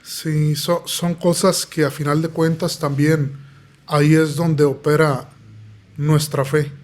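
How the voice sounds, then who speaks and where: A man's voice: a little high, level tone, takes it slowly, a little mellow. A man, a pastor telling his testimony in an earnest, preaching tone. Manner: earnest, preaching tone, acts out quoted voices. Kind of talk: podcast interview testimony.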